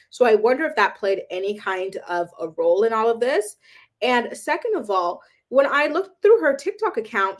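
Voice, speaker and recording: A woman hosting a celebrity gossip channel, talking casually and with opinions, often using "um" and "like". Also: fairly high pitch. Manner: chatty and opinionated, frequent "um" and "like".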